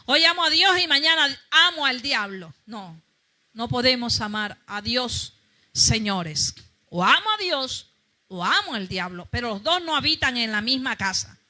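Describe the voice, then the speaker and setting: A woman's voice: on the high side, big pitch swings, a little slow, bright, forceful tone. A woman pastor preaching a fervent sermon, calling out to her congregation.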